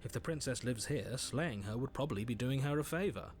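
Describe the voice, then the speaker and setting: An actor voicing the calm, wry narrator of a dark video game, speaking in a measured, faintly sardonic way. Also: male voice, medium pitch, soft background music, lightly acted.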